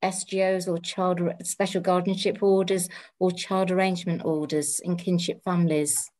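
Woman host, polite, low voice, video call interview. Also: little pitch movement, normal speed, darkish tone. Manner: polite, thanks guests often. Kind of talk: online interview questions.

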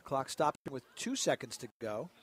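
A man's voice: mid-range voice, sing-song, normal speed, fairly bright tone. A man calling a college football game as play-by-play announcer, conversational and a little rambling. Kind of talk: sports commentary.

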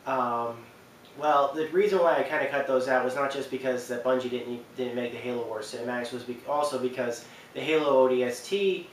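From a couch in a small living room, a young man talks to the camera in a casual, unscripted way while presenting a ranking for his video. His voice is mid-range and fairly quick. Captured on a distant mic, it sounds roomy, with faint noise.

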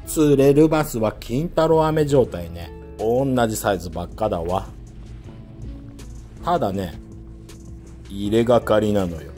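Picked up by a worn action camera, a man who vlogs about fishing talks casually from a lakeside pier while he fishes outside. His voice leans low, and his manner of speaking is soft and feminine.

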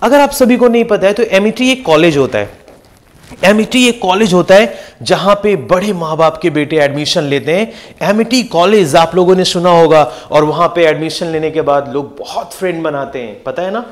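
With plenty of energy, a young man whose voice sits fairly high drills vocabulary in an exam-prep lesson. He repeats words and constantly asks the class short, quick questions, pressing them to pay attention and memorize.

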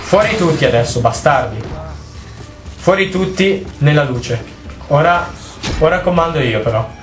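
A young man giving jokey, excitable let's play commentary while he plays, swearing often. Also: fairly high pitch, measured pace, music in the background. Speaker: gaming video host. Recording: roomy with faint noise.

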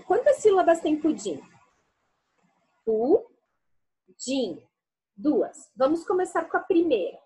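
A woman teacher giving a lesson to young children, sounding out syllables slowly and coaxingly. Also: high-pitched, warm tone. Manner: slow, sing-song sounding out of syllables; affectionate, coaxing.

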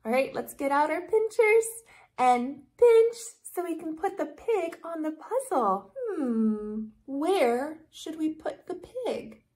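Female kids' host, thirties. Very high, lively pitch, simple sing-song teaching, as if reading to a toddler. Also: slow. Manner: sing-song, exaggerated, repeating simple phrases. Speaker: children's educational video host. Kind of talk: toddler lesson, talking slowly and simply to a small child.

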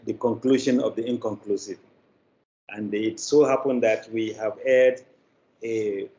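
Speaking from an indoor room on a video call, an older man with a Nigerian accent, a media producer, tells stories in answer to interview questions. His voice is mid-range and dark in tone, his phrasing deliberate and halting, and the call audio sounds slightly dull.

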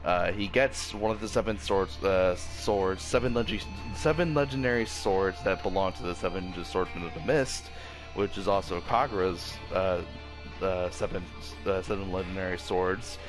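An anime reviewer with a very deep voice and a sore throat talks through an episode review at a moderate pace. He rambles casually, stumbling over restarts and fillers, with soft music playing underneath.

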